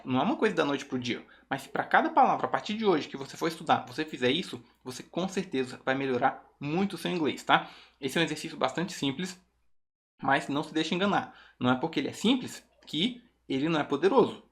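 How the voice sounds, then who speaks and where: A man with a Brazilian Portuguese accent teaching English online, who explains patiently and reads example sentences slowly. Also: a little high, sing-song. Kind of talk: online language lesson.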